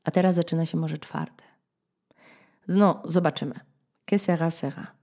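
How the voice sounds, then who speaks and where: A woman in her thirties from Poland hosting a podcast, telling a story in a dramatic, ironic way, with sudden high-pitched bursts as she acts out scenes. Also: unhurried, warm tone. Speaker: podcast host. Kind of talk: storytelling monologue.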